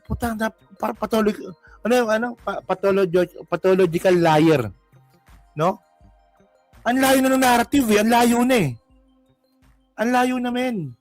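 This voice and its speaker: A man's voice: high voice, normal speed, long pauses, no echo, faint music behind. A man with a Filipino accent giving casual political commentary, mocking and rambling as he reacts to clips. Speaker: commentary vlogger.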